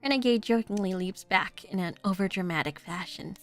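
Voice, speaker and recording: A woman game streamer reading visual novel narration aloud in an expressive way. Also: medium pitch, fairly quick, faint music behind.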